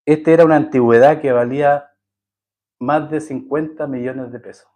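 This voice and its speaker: A Chilean pastor preaches a sermon, telling a story, acting out its voices, and asking the congregation rhetorical questions. His voice is on the high side and dark in tone, steady, at a normal speed.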